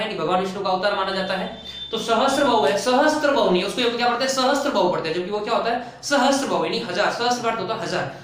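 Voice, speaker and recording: A man's voice: sits high, slight background noise. A man teaching a Hindi spelling lesson for exam prep, drilling students by asking questions and then answering them himself. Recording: loud echo, voice far from the mic.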